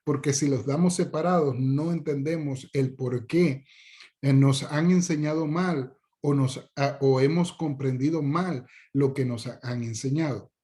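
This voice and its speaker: A man's voice: medium pitch, measured pace, dark tone. A man, a pastor giving a conversational Bible lesson, informal and joking, with many fillers and restarts. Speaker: pastor teaching a discipleship class.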